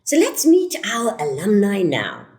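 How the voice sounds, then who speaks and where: Enthusiastic woman host, lively pitch. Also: measured pace, reverberant. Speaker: host, program director. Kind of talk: scripted podcast introduction.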